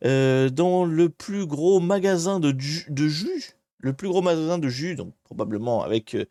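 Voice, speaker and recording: A man's voice: fairly high pitch, lively intonation, a little slow, dark tone, dry recording, clean studio sound. A man hosting a live stream, explaining a security exercise in a jokey, chatty way and greeting his viewers. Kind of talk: casual live-stream tutorial.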